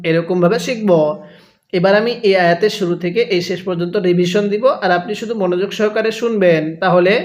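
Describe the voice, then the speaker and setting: A man teaching Quran recitation step by step, chanting slow drawn-out lines for students to repeat, then explaining quickly. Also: sits high, highs cut off.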